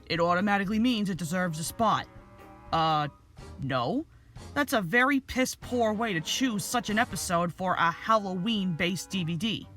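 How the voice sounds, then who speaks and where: A reviewer gives opinionated commentary in a bright, sharp voice with very lively intonation. Light music plays underneath. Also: medium pitch.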